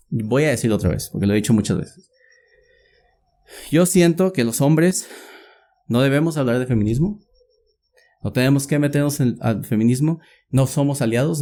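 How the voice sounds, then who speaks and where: A young man with a Mexican Spanish accent, co-hosting a casual podcast conversation, animated and slangy, laughing often. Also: medium pitch. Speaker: podcast host.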